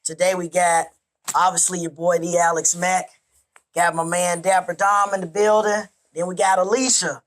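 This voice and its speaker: A man hosting a casual interview, lively and playful, joking with the guests. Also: high voice, moderate pace. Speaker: host.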